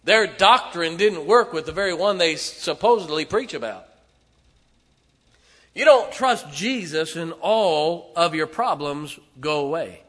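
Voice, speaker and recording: A pastor in his forties preaches with a bright, forceful, slightly high voice that is expressive and a little slow, echoing with long reverb through a church sanctuary. He presses rhetorical questions on the congregation and swings between loud bursts and quiet asides.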